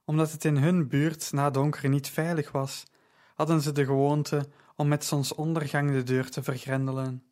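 A man narrating an audiobook story in a measured, even storytelling manner. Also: fairly high pitch.

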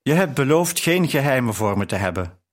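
A man's voice: medium pitch, sing-song, a little fast, natural voice. Commanding, teasing nobleman, played by a man, confident and at ease. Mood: gentle. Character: commanding Persian nobleman, teasing and self-assured.

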